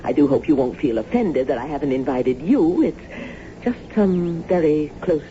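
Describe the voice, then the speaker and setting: A woman with a low-pitched, dark-toned voice acts the part of a gracious, eccentric lady of the landed gentry in a radio play, animated and effusively formal in an old-fashioned way at normal speed. The audio is dull and noisy, typical of an old radio broadcast.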